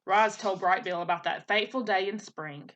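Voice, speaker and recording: A female teacher reads a children's storybook aloud expressively, her voice medium in pitch and her pace moderate.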